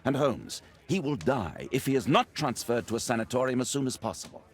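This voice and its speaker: An actor playing an earnest, courteous, concerned English doctor with a British accent in a game cutscene. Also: male voice, medium pitch, very animated, brisk, breathy edge. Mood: alarmed, earnest. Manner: polite, earnest. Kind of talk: dramatic game cutscene acting.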